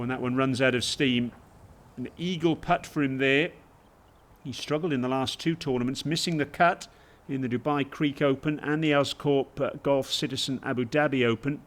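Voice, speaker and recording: A man working as a golf commentator, giving measured television highlights commentary with brief exclamations.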